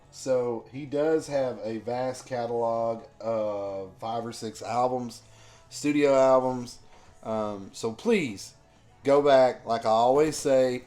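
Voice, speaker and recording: A man with a sore, rough throat giving a casual album review, slow and loose with lots of ums. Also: medium pitch, mellow. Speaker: music reviewer.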